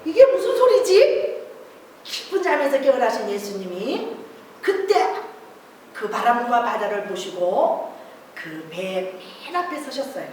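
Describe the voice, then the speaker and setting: Animated woman preaching to kids, echoey church. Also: fairly high pitch, a little slow, a little hiss or hum. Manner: animated, acts out disciples' cries in a raised voice. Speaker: children's ministry preacher. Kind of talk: children's sermon storytelling. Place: church service room. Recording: echoey distant church room recording.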